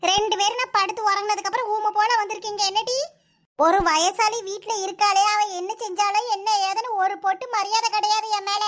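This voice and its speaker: A woman voicing a sharp-tongued, proud old mother-in-law in a comic cartoon, nagging and sarcastic, with a Kanyakumari Tamil accent. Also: extremely high pitch, fairly even intonation, a little fast. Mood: scolding.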